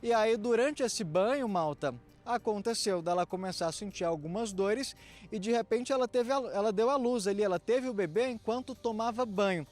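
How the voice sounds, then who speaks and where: A man reporting live on location for TV news, in an energetic, emphatic way. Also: sits high, moderate pace. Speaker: field reporter.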